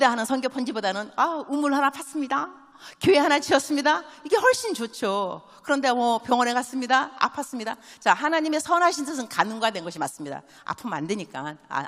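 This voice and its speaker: Animated woman preaching in a reverberant church. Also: on the high side. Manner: animated storytelling with quick call-and-response questions to the congregation; drops English phrases into her speech. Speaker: missionary preacher. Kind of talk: church sermon. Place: large church sanctuary. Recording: long church hall reverb.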